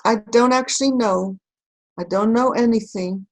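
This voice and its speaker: A woman from Israel speaking reflectively in a recorded conversation, pausing and searching for her words. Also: on the high side, low-quality recording. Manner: thoughtful, halting, searching for words. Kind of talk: reflective talk.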